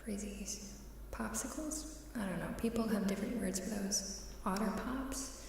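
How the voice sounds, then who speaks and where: Unhurried and playfully coy, a woman livestreams ASMR chat in a soft, mellow voice of medium pitch, often slipping into whispers. She sounds a little distant, with a reverberant hall-like echo, faint hiss, and faint ambience behind her.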